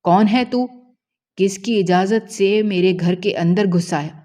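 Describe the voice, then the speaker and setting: A woman voicing a cruel, angry village father who shouts harshly and scornfully in a storybook tale. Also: fairly low pitch, natural voice. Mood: threatening.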